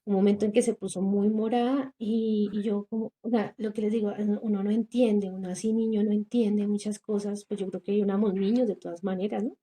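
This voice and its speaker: A woman's voice: medium pitch, fairly even intonation, fairly quick, hardly any pauses, mellow. A young woman, earnestly recounting a painful personal testimony on a podcast, acting out the voices of people she met. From Colombia. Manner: earnest, recounting with quoted dialogue and many fillers. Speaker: guest sharing testimony.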